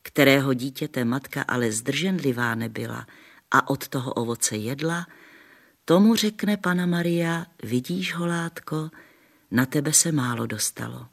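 Guy reading an old granny telling folk stories, gravelly and husky. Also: mid-range voice. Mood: respectful. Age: older. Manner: homely, patient storytelling with folksy sayings. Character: kindly old grandmother, gentle village storyteller.

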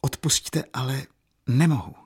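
A man voicing a gentle young woman who is torn and tearful, in a soft, pleading, raised voice in an audiobook reading. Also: medium pitch, fairly even intonation, breathy edge, voice pushed up. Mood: hesitant.

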